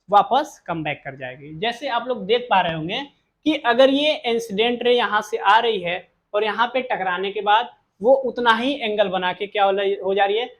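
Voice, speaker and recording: A male teacher giving a physics lesson, asking rhetorical questions and answering them himself, repeating key terms. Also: high-pitched.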